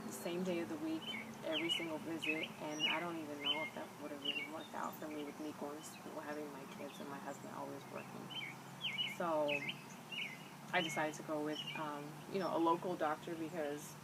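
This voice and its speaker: A young woman with a slight whistle on her s sounds, chatting casually and rambling hesitantly to camera. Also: low voice. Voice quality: slightly whistling s from new braces. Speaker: vlogger. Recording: loud background noise, amateur home recording.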